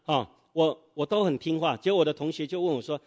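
A man's voice: fairly high pitch, fast talker, a little mellow. A middle-aged man preaching a sermon in church, telling a story and quizzing the congregation with fill-in-the-blank questions.

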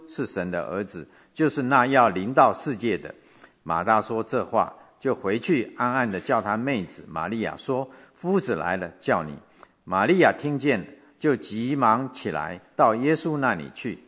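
A man's voice: medium pitch, fairly bright tone. A man leading a church service, reading scripture aloud and shifting his voice for each quoted speaker.

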